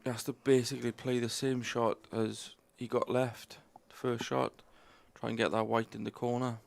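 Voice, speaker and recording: A man's voice: mid-range voice, level tone, normal speed, gravelly. A man with a Yorkshire accent co-commentating on pool, casual and blunt about which shot to play. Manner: casual, blunt advice on shots.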